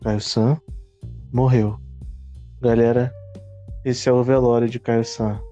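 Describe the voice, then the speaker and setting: A man's voice: mid-range voice, level tone, slow, dark tone, soft background music. A Brazilian man co-hosting a casual football podcast, joking and slangy, heard over a muffled call line. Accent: Brazilian Portuguese. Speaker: podcast co-host. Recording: dull lo-fi call audio.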